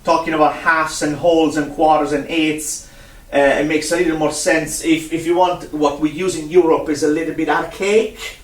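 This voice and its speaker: A man's voice: on the high side, fairly even intonation, moderate pace. A man teaching a one-on-one music lesson, patient, repeating himself and counting out rhythms. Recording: roomy sound from a distant mic.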